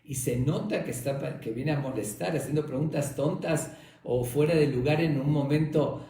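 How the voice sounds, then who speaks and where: A man teaching a religious lesson through a story, in a warm, conversational storytelling manner. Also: a little high, moderate pace, recorded from a distance. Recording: very echoey room.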